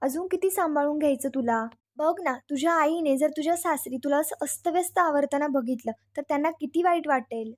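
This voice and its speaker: Brief: smug, teasing young husband, needling tone, read by a high-voiced woman. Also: a little fast, hardly any pauses, natural voice. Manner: mocking, needling.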